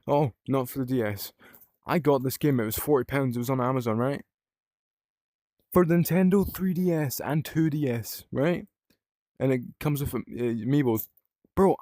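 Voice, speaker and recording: A man's voice: medium pitch, dark tone, no room sound, studio quality. A young British man from the UK chatting casually in a rambling vlog, swearing freely and using lots of fillers. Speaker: vlogger.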